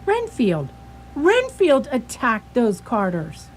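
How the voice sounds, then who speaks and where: A woman playing a brisk, authoritative asylum doctor in a radio drama, resolute and emphatic. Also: on the high side, huge pitch swings, slight background noise, heavily acted. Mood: urgent.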